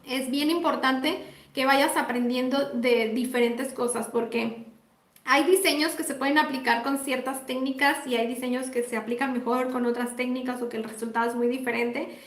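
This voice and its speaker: High-voiced Mexican woman in a roomy space. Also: fairly even intonation, moderate pace. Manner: chatty, affectionate, greets viewers by name. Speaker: nail technician instructor. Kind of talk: live-stream lesson and Q&A. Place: indoor home workspace.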